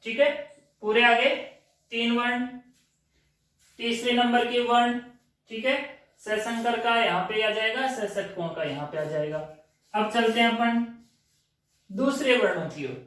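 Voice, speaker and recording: A man teaches grammar in a slow, drilling manner, lifting his voice high as he asks questions and answers them himself. He is heard from off the mic in a very echoey room. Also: a bit bright, far from the mic. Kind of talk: classroom grammar lesson.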